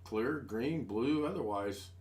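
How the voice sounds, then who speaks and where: His mid-range voice is a little mellow, with lively intonation, and he takes his time. He's an American in his sixties hosting a casual home live stream on a desk USB mic, rambling in a folksy, self-deprecating way.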